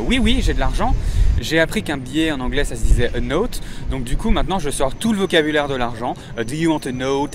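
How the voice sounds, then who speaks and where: A man's voice: a little high, background noise. A young French man with a French accent, delivering a mock-serious, self-mocking comic monologue outdoors on a city street. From France. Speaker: comedy vlogger.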